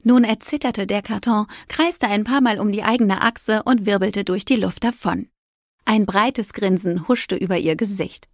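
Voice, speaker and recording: A woman reads a story aloud expressively, her voice grainy and a little husky. The sound is close and dry, with no room around it. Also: mid-range voice, normal speed, no room sound. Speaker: narrator. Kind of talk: audiobook narration.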